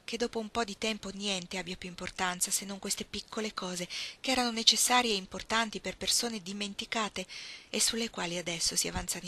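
A woman's voice: medium pitch, sharp tone. A woman reading the lines of a troubled, hesitant young woman in love, in an audiobook.

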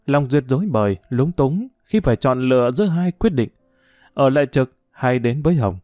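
A man narrating a story audiobook in a steady, measured way. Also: mid-range voice, no room sound, studio quality, faint music behind.

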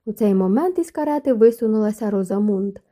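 A woman narrating an audiobook in an even storytelling manner. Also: medium pitch, a little fast. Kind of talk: scripted narration.

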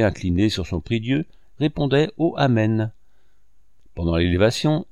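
A man reads a classic novel aloud in a measured voice that rises and falls with the sentences. His voice sits low and is recorded close and dry, with no room around it. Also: no room sound. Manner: measured, with lively rising and falling inflection. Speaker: audiobook narrator. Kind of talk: scripted narration of a classic novel.

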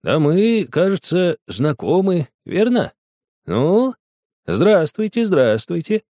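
Man putting on a gentle old teacher, soft and coaxing, lilting up and down. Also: mid-range voice, big pitch swings, moderate pace, dry recording, studio quality, pitched above the performer's own voice. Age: older. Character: kindly gentle old male botany teacher.

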